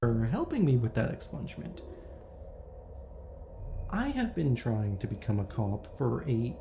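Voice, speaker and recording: A man playing a shifty, self-excusing criminal in a deadpan, halting, insistent monologue to camera. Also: mid-range voice, noisy background, exaggerated voice. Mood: deadpan, pleading. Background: clear music.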